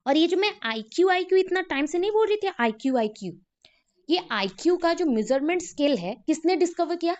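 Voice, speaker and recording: A woman's voice: extremely high pitch, animated, a little fast, a little mellow, highs cut off. A woman teacher lecturing a class in a classroom, who repeats key names and quizzes her students.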